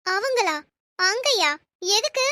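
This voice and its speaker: A woman voicing an anxious young married daughter who answers in short, hurried lines in a cartoon story. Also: extremely high pitch, expressive, pushed and bright, dry recording, exaggerated voice.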